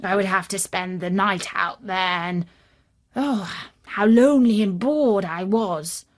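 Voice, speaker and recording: A British woman with a mid-range voice narrates a scripted children's story, her storytelling measured and expressive.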